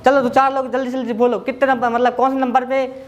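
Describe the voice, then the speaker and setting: A man's voice: very high-pitched, level tone, fast talker. A man teaching a memory class, reciting long lists by rote and then quizzing his students in a casual, chatty way.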